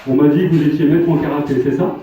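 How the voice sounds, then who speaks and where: A man working as a stage hypnotist, his voice mellow and dark, giving slow, commanding suggestions and countdowns. He is picked up from far away in a very echoey live venue. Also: on the high side, steady tone. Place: live show at a campsite venue.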